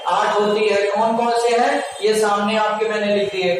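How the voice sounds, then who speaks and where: High-voiced male teacher in an echoey room. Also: level tone, moderate pace, slight background noise. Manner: sings out vowel sounds, asks and answers own questions. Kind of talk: classroom lesson. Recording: echoey room, far from mic.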